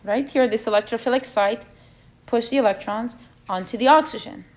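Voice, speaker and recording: A woman's voice: fairly high pitch, moderate pace. Woman leading a chemistry review. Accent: non-native English. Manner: asks students questions, checks understanding with repeated "okay?". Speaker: chemistry review session leader. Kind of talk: exam review lecture.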